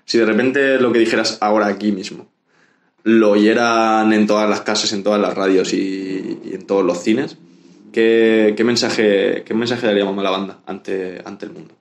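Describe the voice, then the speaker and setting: A man's voice: lowish voice, fairly even intonation, moderate pace. A man from hosting a casual podcast interview, speaking informally and stumbling over his words as he rambles. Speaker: podcast host. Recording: roomy echo.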